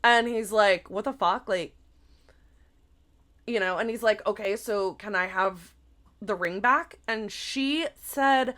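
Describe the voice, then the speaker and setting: A woman podcast co-host in casual chat, retelling a story in an animated, gossipy way, full of "like" and casual swearing. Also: medium pitch, slow.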